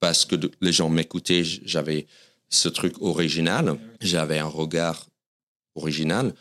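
Speaking French with an American accent, a comedian from the United States whose first language is English appears as a guest on an interview podcast. His deep voice carries a bit of brightness, and his storytelling is self-deprecating.

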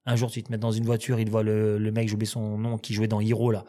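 A French man telling long stories in a relaxed conversation. He talks fast and rambles, restarting his sentences as he goes. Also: on the low side. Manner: rambling, animated storyteller with many restarts. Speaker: restaurant owner and guest. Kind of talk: casual storytelling chat.

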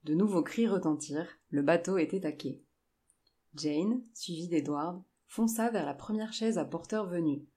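A woman reading a novel aloud in measured, even scripted narration. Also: on the low side.

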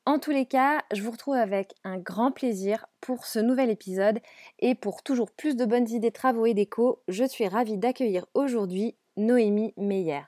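Speaking at a moderate pace in a slightly high voice, a woman hosts a home renovation podcast. She reads a cheerful, upbeat scripted intro, then chats hesitantly with her guest, using many fillers. The sound is clean studio quality with no room noise.

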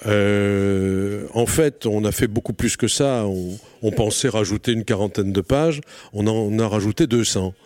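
A man's voice: fairly low pitch, a little slow, darkish tone, dry recording. A man answering as a guest in an interview, hesitant with many fillers and restarts, in a restaurant. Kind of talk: casual interview chat.

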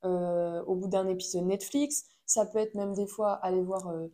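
A woman's voice: mid-range voice, fairly even intonation, moderate pace, dark tone. A woman giving a casual motivational talk in French, chatty and addressing the listener directly, with frequent fillers.

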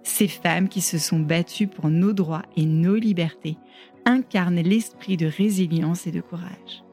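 A woman reading a scripted narration in a measured, solemn way. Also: on the low side, darkish tone, soft background music.

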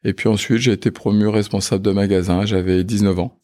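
This is casual interview talk from a fifty-something funeral home manager from France, hesitating often with filler sounds. He sounds low and mellow, keeping a steady tone at a slightly fast pace.

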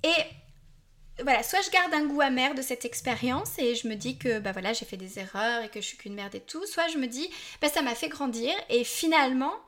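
A woman's voice: high voice, moderate pace, a bit bright. A woman in her forties hosting a podcast, talking candidly and casually to her listeners, with frequent asides and self-deprecating apologies. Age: 40s. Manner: chatty, candid, addresses listeners directly. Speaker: podcast host.

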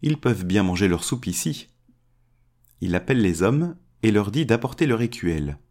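A man reading a fairy tale aloud as a storyteller, changing his pitch to give each character a voice. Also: sing-song, normal speed, darkish tone.

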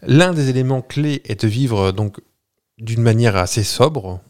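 A man's voice: medium pitch, a little mellow. Chatty man explaining with fillers. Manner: chatty, jokey, halting with fillers. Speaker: podcast co-host. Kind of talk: casual chat.

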